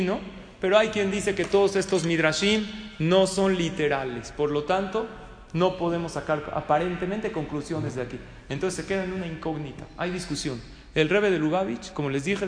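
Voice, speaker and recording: Male rabbi-teacher, high voice, storytelling lecture style, recorded in a reverberant hall. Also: moderate pace. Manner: storytelling, poses questions to the audience. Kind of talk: religious study lecture. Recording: echoey hall.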